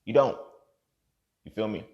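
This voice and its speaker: A man in his thirties giving a profane, impassioned monologue as a podcast host, swinging from low muttering to loud outbursts. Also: unhurried, muffled recording. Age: 30s.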